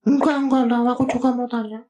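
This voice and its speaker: A man doing a squeaky chirpy sidekick co-host. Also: steady tone, fast, warm tone, lo-fi sound.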